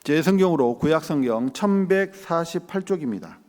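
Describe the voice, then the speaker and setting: Lively male preacher in a reverberant church. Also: on the high side, moderate pace. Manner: lively preaching with rhetorical questions to the congregation. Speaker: pastor. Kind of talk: sermon. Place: church sanctuary.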